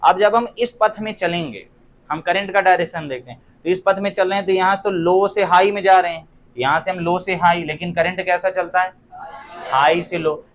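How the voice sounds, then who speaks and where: A man's voice: sits high, a bit bright, a little hiss or hum. A young man teaching physics in a classroom, firing rhetorical questions at his students and throwing in joking asides. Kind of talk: classroom lecture.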